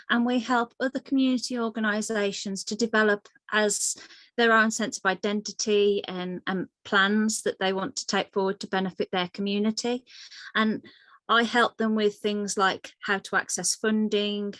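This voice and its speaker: Female panel speaker, medium-pitched and level, explaining her role, very little room sound. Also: fairly bright tone, no room sound. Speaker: community development officer. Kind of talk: spoken self-introduction at a panel.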